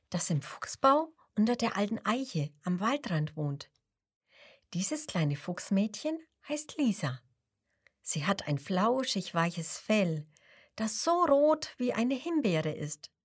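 Slow, whispery woman reading a bedtime story. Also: mid-range voice, breathy edge. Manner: soft, often whispered, soothing.

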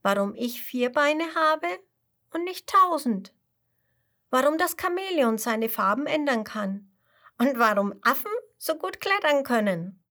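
A woman voicing a curious, excited little tiger cub with high, eager, drawn-out exclamations. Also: heavily acted.

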